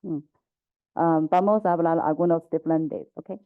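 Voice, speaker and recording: A woman with a Chinese accent gives a conference talk in a lowish voice, halting, switching between languages and checking in with "ok?". The audio is thin and phone-like. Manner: halting, mixes languages, frequent "ok?". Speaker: conference speaker, Chinese teacher.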